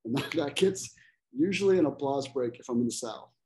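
A man's voice: medium pitch, expressive, brisk, darkish tone, poor audio. A man in his forties who grew up in Ecuador, chatting casually as a comedian guest, self-deprecating and laughing often. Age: 40s. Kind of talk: casual podcast chat.

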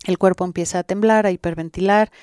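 A woman with a Mexican Spanish accent appears as a guest on an explanatory podcast interview, where she guides sessions and speaks instructively straight to the listener. Her lowish voice is steady, fast, a little mellow and smooth. The studio sound is clean, with no echo.

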